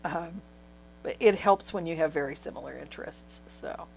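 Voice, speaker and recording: A woman's voice: deep voice, normal speed, creaky, slight background noise. A chatty woman who laughs easily, teaching a painting tutorial. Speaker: painting instructor.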